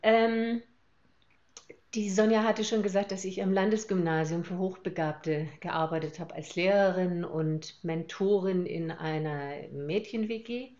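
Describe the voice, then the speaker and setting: Older woman w northern german accent, lowish voice, slow thoughtful chat, kinda muffled line. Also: fairly even intonation, darkish tone. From Hamburg, Germany. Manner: thoughtful, hesitant with many fillers. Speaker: interview guest, former teacher. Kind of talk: podcast interview.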